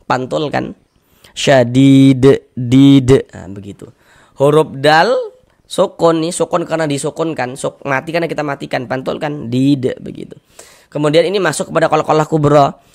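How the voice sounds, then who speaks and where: Gravelly man teaching Quran recitation. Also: medium pitch. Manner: patient, repeats each rule, drawls recited syllables. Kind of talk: tajwid lesson with recited examples.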